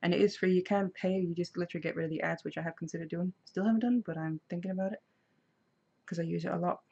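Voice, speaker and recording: A woman's voice: fairly low pitch, steady tone, fast, gravelly, mellow, slightly rough. A woman, chatting casually on a craft live stream and answering viewer comments. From Denmark. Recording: slightly dull lo-fi sound.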